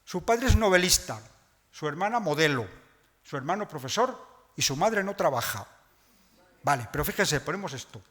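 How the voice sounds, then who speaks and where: A man's voice: a little high, expressive, moderate pace, long pauses, fairly bright tone. A man giving a public lecture, explaining points to his audience in a didactic way. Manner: didactic, addresses audience directly. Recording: long reverb of a lecture hall.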